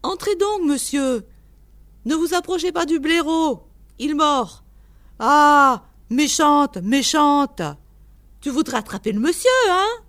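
A woman voicing a gruff old male animal keeper who scolds and shouts. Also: high voice, expressive, slow pace, pitched above the performer's own voice, heavily acted. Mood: chatty, welcoming.

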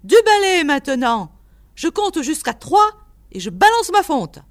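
A woman voicing a gruff old male animal keeper who scolds and shouts. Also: high voice, expressive, measured pace, voice pushed up. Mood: yelling angrily.

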